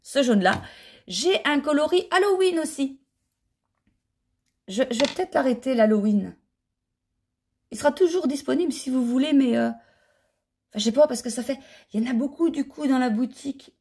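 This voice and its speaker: A woman's voice: sits high, animated, normal speed, pauses often, darkish tone, slightly rough. A woman chatting casually in a home knitting vlog, rambling with restarts and hesitations as she shows her yarns. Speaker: knitting vlogger and yarn dyer. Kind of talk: casual chat. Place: home living room, on the sofa.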